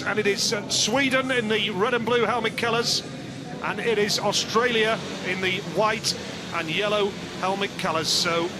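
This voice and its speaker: Male motorsport commentator, excitable live race calling, very high voice, noticeable engine noise and ambience behind. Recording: clear background noise.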